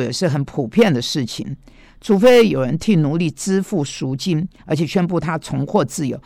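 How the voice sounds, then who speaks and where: A man delivers a teaching sermon in a slightly high, gravelly voice. He unpacks word roots and drives points home with emphatic asides to his listeners. The sound is dry and close. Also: dry recording. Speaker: preacher.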